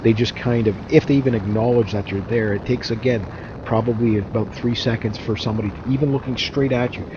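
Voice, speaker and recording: Man, motovlogger, muffled dull sound from inside a helmet, noticeable vehicle noise, casual rambling talk, repeats words. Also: on the low side. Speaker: motorcycle vlogger.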